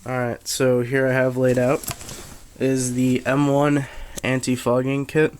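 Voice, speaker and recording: Flat-toned man, halting casual review. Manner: halting, low-key delivery with pauses. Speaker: military surplus collector reviewing gear. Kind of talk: casual unscripted product review. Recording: steady background noise, handheld camera.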